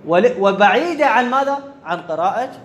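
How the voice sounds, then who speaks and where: A man's voice: high-pitched, lively intonation, a little fast, slight background noise. A man giving a classroom grammar lecture, often checking whether his students follow and repeating the key words. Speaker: teacher of Arabic grammar.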